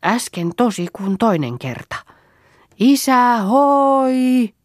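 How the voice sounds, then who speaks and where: A woman reading the part of an eager young farm girl who calls out high and loud in an audiobook. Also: sing-song, slightly rough, no echo, studio quality, full character voice.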